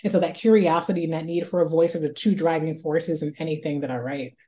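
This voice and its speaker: This Northeast Ohio author is a fast talker with a slightly low, mellow, relaxed voice. Interviewed reflectively as a guest, she thinks out loud about her ideas, frequently repeating a word before continuing.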